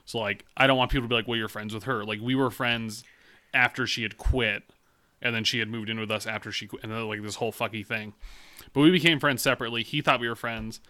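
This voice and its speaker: Foul-mouthed bright young man. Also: medium pitch, smooth. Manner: swears a lot, animated storytelling. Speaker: podcast co-host. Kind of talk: crude casual chat.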